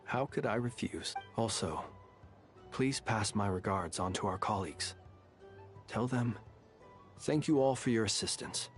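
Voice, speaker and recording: A man voicing a calm, wry lighthouse keeper in a video game, with a courtly, gently teasing manner. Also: lowish voice, unhurried, pauses often, faint music behind, close to an everyday voice. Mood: wry, gallant.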